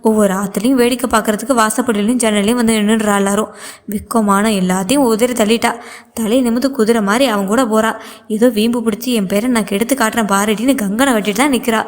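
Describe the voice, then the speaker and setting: A woman's voice: a little high, steady tone, fast, natural voice. A woman voicing a worried older mother who pours out an anxious, complaining monologue about her daughter. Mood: anxious lament.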